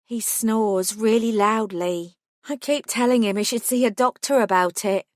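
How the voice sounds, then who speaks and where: A gentle young cafe worker with a faint London accent talks softly and earnestly, voiced by a woman reader. Her voice rides noticeably higher than the narration. The recording is dry and close. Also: unhurried, no room sound, natural voice. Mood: candid.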